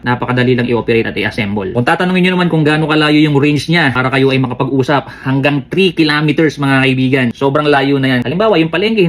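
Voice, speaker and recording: A middle-aged man with a Filipino accent giving a casual product pitch to camera as a reviewer. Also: slight background noise.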